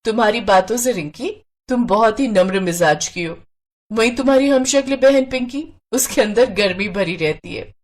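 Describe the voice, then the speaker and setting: A woman as a gentle young bride. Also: medium pitch, animated, normal speed, close to an everyday voice.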